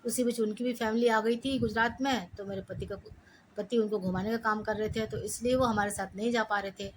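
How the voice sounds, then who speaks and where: A middle-aged woman telling a personal story in the first person, lively and acting out the dialogue. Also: fairly high pitch, slight background noise, poor audio.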